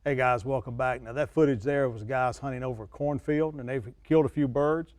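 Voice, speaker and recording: A man's voice: mid-range voice, steady tone, brisk, darkish tone, far from the mic. A man hosting a show, presenting in a casual way. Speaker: show host.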